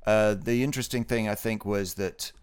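A man co-hosting a podcast, giving a relaxed, rambling race report full of fillers. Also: lowish voice, moderate pace, clear, resonant tone. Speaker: podcast co-host. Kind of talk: casual podcast chat.

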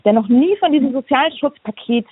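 A woman hosting a remote podcast, asking chatty questions with fillers, heard over a low-quality phone line. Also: brisk. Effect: low-quality phone-line sound. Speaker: podcast host.

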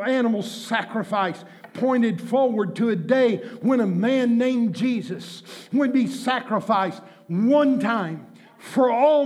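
High-voiced man preaching a shouted sermon. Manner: preaching with shouted, drawn-out emphasis and repetition. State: out of breath. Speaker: pastor.

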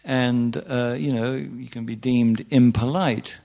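Speaking at a slow pace, this meditation teacher has a medium-pitched, creaky, dark voice with fairly even intonation. His informal spiritual talk to a group is joking and conversational, dotted with "yeah?" and "you know" as he checks in.

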